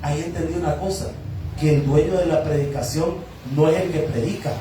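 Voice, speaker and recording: Man, pastor, high voice, lively storytelling sermon, booming echo, distant mic. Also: a little fast, a little hiss or hum. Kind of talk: sermon with personal testimony. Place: church hall. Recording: echoey hall, distant from mic.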